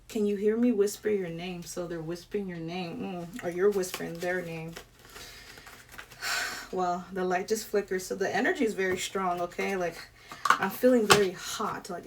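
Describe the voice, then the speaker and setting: A woman's voice: medium pitch, fairly even intonation, normal speed, recorded from a distance. A young woman giving a casual tarot reading to camera, chatty, swearing lightly and laughing often. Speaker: tarot reader. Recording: air conditioner noise behind.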